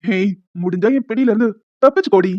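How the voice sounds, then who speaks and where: A woman's voice: mid-range voice, fast, darkish tone, no echo, close to an everyday voice. A woman voicing a smug, scheming young man who taunts and teases in a cartoon. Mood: taunting. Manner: taunting, teasing. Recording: dull lo-fi with music behind.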